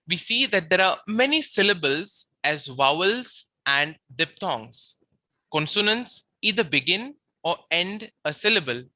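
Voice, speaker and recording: A very bright, sharp-toned teacher delivers a beginner grammar lecture in a methodical, step-by-step way. The voice sits close to the mic in a dry, dead space, and each example word is repeated slowly. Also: medium pitch, no echo. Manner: habitually says "we see". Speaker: Latin teacher.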